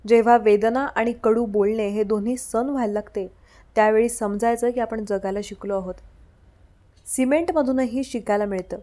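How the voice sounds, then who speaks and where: A woman gives a scripted devotional talk in a steady, preaching way. Her voice sits a little high but sounds mellow and dark in tone. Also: normal speed. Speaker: devotional message reader.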